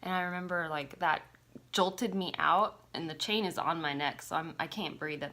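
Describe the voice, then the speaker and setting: Woman vlogger with a low-leaning voice, confessional storytelling, loose and filler-heavy. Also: normal speed, pushed and bright. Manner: casual, confessional, lots of "like" fillers; swears casually. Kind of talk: personal storytelling to camera.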